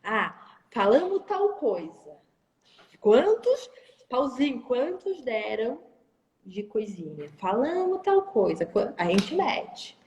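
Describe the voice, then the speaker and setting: A woman guest in a live-stream interview, with a high voice that swoops widely as she talks. She sounds animated, playing out bits of her sales calls. Her voice carries a long reverb. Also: slow. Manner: animated, acts out phone calls and sales talk. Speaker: entrepreneur guest. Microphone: phone or video call.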